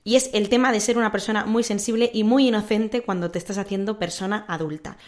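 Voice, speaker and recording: A woman's voice: medium pitch, steady tone, fast talker. A woman in her twenties hosting a solo podcast, giving candid advice in a chatty, informal way with frequent tag questions. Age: 20s. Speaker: podcast host.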